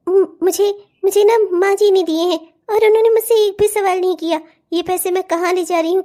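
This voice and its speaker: Casting: woman as a very high-voiced cartoon bride, demanding and mouthy. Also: dark tone. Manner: defiant, scolding. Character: bold demanding young bride, sharp-tongued. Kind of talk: cartoon voice acting.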